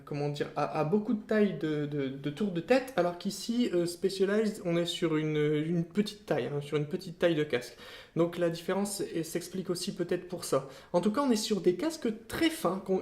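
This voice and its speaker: A channel host giving a casual product review, often pausing to search for words and correcting himself mid-sentence. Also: mid-range voice, darkish tone. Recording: roomy, echoey room sound.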